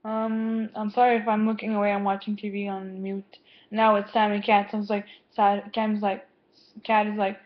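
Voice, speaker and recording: A teenage girl chatting casually to camera at home, rambling and easily distracted, with lots of "like". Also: mid-range voice. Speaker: vlogger. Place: home, indoors. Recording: dull lo-fi webcam sound.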